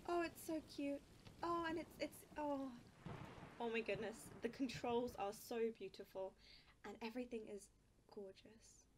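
A woman's voice: on the high side, moderate pace, noisy background. Gushing woman gasping at a game. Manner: gushing, gasping and exclaiming with delight. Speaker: gaming video host. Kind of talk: let's play commentary.

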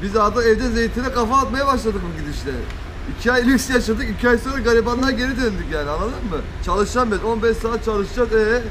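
A man's voice: very high-pitched, fast. A young man in a casual street interview, complaining in a wry, colloquial way. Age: young adult. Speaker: interviewed delivery courier. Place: outdoors on a pavement by a shopfront. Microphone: interviewer's action camera. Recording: outdoor street and vehicle noise.

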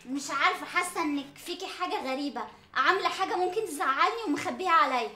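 An actress playing a naive, clingy young daughter in an Egyptian Arabic sitcom, with a whiny, pleading way of talking. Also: female voice, high voice, lively intonation, fast talker, bright, forceful tone. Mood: suspicious. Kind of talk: sitcom acting. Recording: roomy set sound.

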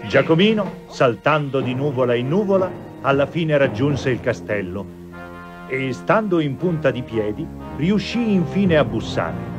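On a dull lo-fi TV soundtrack backed by music, a man narrates a children's cartoon fairy tale. He speaks unhurriedly in a mid-range voice with lively intonation, following a scripted, theatrical storytelling style.

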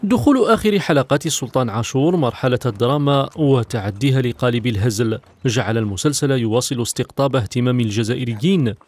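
A man's voice: mid-range voice, fast, darkish tone. A man narrating a scripted television news report as its reporter. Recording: music bed behind voice-over. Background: music.

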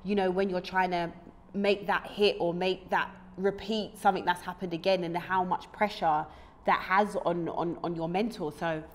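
A woman, hosting a casual interview, chatty, frank and animated, in a small studio set. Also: fairly low pitch, moderate pace, slight background noise. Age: 30s. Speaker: host. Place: small studio set with lamp and fireplace screen.

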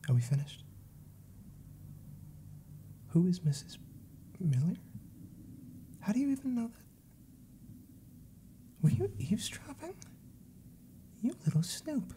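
A man's voice: high-pitched, sing-song, slow pace, pauses often, warm tone, a little hiss or hum, heavily acted. A man in his twenties playing a fussy, exasperated, wordy librarian scolding a child in an ASMR role-play. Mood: stern, suspicious. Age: 20s. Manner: prim, wry, wordy.

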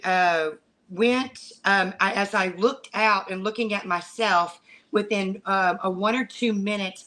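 A middle-aged woman giving a personal religious testimony in a halting way, often pausing and repeating words. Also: mid-range voice, pushed and bright. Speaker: guest sharing a religious vision. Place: living room at home, video call. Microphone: video call microphone.

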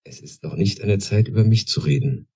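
A man voicing a calm, mysterious old woman in a low, quiet, unhurried voice, reading from a fantasy novel. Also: husky, dry recording, clean studio sound.

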